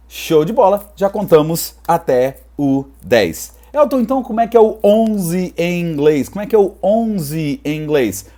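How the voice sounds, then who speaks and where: Male tutor for an online pronunciation lesson: unhurried, mellow voice, upbeat, leads repeat-after-me drills. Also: fairly high pitch. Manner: sprinkles cheerful catchphrases. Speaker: English teacher.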